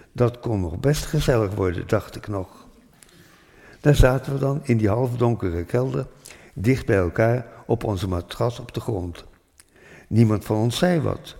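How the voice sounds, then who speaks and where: An older man from Rotterdam telling a childhood memory in a thoughtful, unhurried way, pausing with hesitant fillers. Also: mid-range voice, gravelly, mellow. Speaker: storyteller. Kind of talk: reflective spoken memoir. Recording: long hall reverb.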